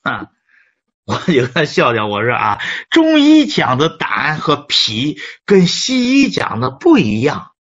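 A man's voice: a little high, wildly swooping pitch, unhurried, a bit bright, slightly rough. A middle-aged man, a Chinese medicine teacher telling a clinic story in a lecture, often repeating and restarting words. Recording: dull lo-fi recording.

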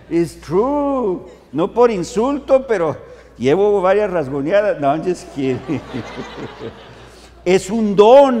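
A man's voice: sits high, a little mellow. A middle-aged male pastor giving a humorous bilingual sermon, telling stories in the manner of a preacher. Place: large conference hall. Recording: long hall reverb.

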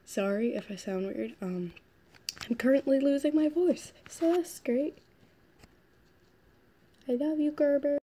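A young teenage girl with a high-pitched, warm female voice speaks unhurriedly and pauses often, talking casually and tenderly in her home pet vlog. A vlogger and amateur animal rescuer, she films in her living room and bedroom on a phone held at arm's length or propped nearby. The amateur phone audio is noisy.

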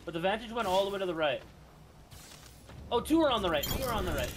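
A man giving excited, cheering callouts in casual game chat with a teammate. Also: high voice, fast, background noise. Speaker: gaming teammate. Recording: loud game gunfire behind voice. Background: game gunfire and clicks.

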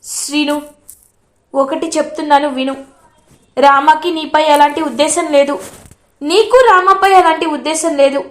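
A woman's voice: high-pitched, steady tone, moderate pace, long pauses, natural voice. A woman voicing a heartbroken young woman firmly rejecting a man's love, in a retold serial story.

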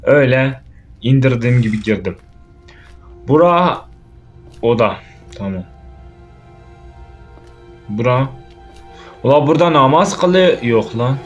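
A young man giving casual let's play commentary on a horror game, jumpy and swearing, yelling out when startled. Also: medium pitch, animated, slow, long pauses, faint music behind. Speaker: gaming YouTuber.

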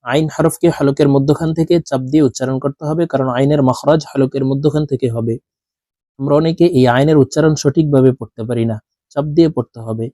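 A man with a Bangladeshi accent teaching Quran letter pronunciation, slowly chanting drills and explaining the rules more quickly and softly. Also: medium pitch, fairly even intonation, no room sound. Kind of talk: slow drilled recitation lesson.

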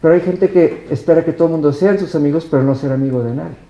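High-voiced Mexican pastor preaching. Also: male voice, fast talker, mellow. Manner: emphatic preaching, repeats words and addresses the congregation directly. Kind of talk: sermon. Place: church service held in a hotel hall. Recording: echoey hall.

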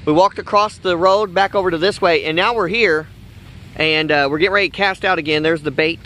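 An American father, hosting a fishing vlog with his family, chats folksily to viewers beside a park pond, filmed on a handheld phone a few feet away. His high voice is steady, fairly quick, pushed, and bright. Outdoor ambient noise comes through the camera mic.

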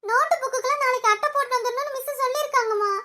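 A woman's voice: very high-pitched, racing, background noise. Woman doing a whiny little schoolgirl. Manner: whining, complaining. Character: whiny schoolgirl, tearful and sulky. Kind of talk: cartoon voice-over.

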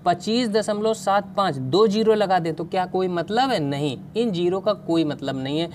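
A woman's voice: fairly low pitch, normal speed, darkish tone, a little hiss or hum. A woman teaching an online math class, explaining step by step and asking questions to the students.

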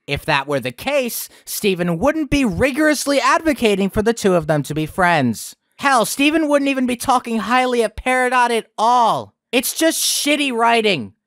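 A man's voice: extremely high pitch, big pitch swings, normal speed, few pauses, fairly bright tone, dry recording, clean studio sound. A young man hosting a review video, with sarcastic, profane ranting commentary. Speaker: video critic host.

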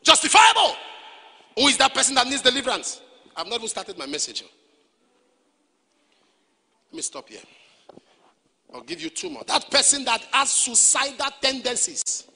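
A man preaches in a high, piercing voice with a husky grain, leaping from hushed, low asides to shouted bursts. His sermon swings hard in pitch and rings with the long reverb of a big church hall. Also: sing-song, normal speed, pauses often. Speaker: pastor.

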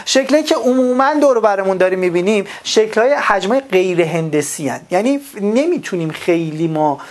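A woman's voice: medium pitch, animated. A woman from Iran teaching a recorded math lesson, explaining patiently and asking the class questions before answering them herself.

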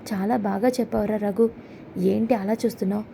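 A woman's voice: mid-range voice, steady tone, a little fast, gravelly, mellow, a little hiss or hum, natural voice. A woman voicing an older grandmother in a serial recap, speaking in a teasing, affectionate way.

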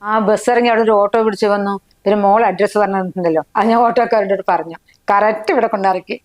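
An actress playing a soft-spoken middle-aged mother who reassures her daughter in a family short film. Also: mid-range voice, fairly even intonation, fast talker, close to an everyday voice.

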